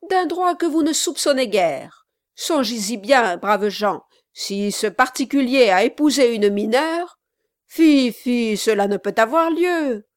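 An agitated gentleman hunting for a lost child, as a woman reader puts him on, pushing his words out loud and urgent in a slow, measured delivery. The audiobook voice sits fairly high and close, with a dry, dead recording. He pleads and demands in turn. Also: no echo. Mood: indignant. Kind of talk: audiobook character reading.

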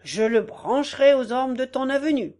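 A woman's voice: high-pitched, expressive, normal speed, a little mellow, voice pushed up. Woman playing a bombastic, boastful candidate. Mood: grandiose. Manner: bombastic, grandiose promises. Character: boastful male election candidate, smug and greedy.

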